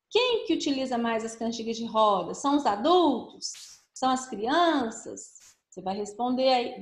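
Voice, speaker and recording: A slightly high-voiced woman teaching young children, reading words slowly and stretching every syllable. She patiently repeats each question in simpler words. Her voice rings in a roomy, echoing space. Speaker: primary school teacher. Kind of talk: remote lesson walking through a workbook. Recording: echoey room.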